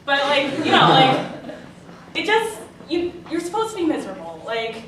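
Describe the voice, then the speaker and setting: Young woman, stand-up comic, deadpan and rambling, higher voice, audience laughter behind. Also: moderate pace, a crowd in the background. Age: young adult. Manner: deadpan, rambling, heavy on fillers. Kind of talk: stand-up comedy set. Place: comedy night on stage before a live audience. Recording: distant mic, echoey room, audience laughter.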